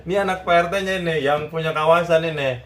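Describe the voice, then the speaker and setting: A man's voice: on the high side, fast talker, a bit bright. Chatty man hosting a casual interview. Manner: chatty, teasing, often asks for agreement. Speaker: YouTube channel host.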